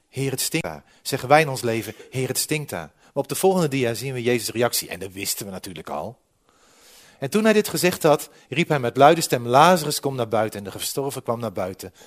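A man preaching a sermon with slides, lively and humorous, often dropping from loud to quiet. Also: mid-range voice, fairly quick. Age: 40s.

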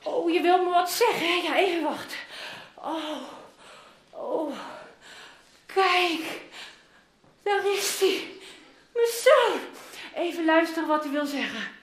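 A woman playing a loving older father who longs for his lost son, telling a Bible story to children in an animated, coaxing way. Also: very high voice, slow pace, long pauses, exaggerated voice. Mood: overjoyed. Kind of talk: interactive Bible story role-play for children. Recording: roomy echoing room.

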